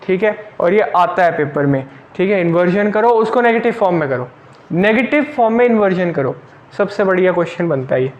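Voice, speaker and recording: A man's voice: high-pitched, animated, brisk, dull audio. A man teaching French grammar in Hindi, explaining step by step, repeating key points and asking the class rhetorical questions. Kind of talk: online lesson explained in Hindi.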